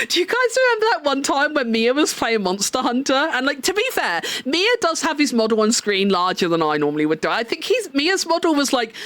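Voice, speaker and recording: A woman streamer chats to her audience on a desk mic, her voice high and bouncing all over the place. She talks loosely and profanely, laughing a lot and leaning on "like" as she goes. It sounds like an unscripted live stream. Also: a bit bright. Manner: chatty and profane, laughing often, many "like" fillers. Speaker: VTuber streamer. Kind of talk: casual live-stream chat.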